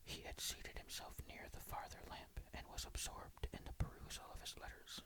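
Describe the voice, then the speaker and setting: A person reading a ghost story aloud in a breathy whisper, hushed and suspenseful, close to the mic. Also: moderate pace.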